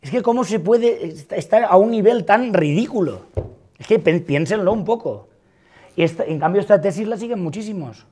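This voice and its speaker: A man's voice: sits high, animated, normal speed, mellow, husky. A man giving a university lecture on philosophy of music, arguing emphatically and repeating words for stress. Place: large lecture hall.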